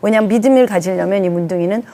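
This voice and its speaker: A woman's voice: medium pitch, rapid-fire, dark tone. A Korean woman pastor in her sixties giving an earnest, emphatic testimony sermon, acting out the lines she quotes.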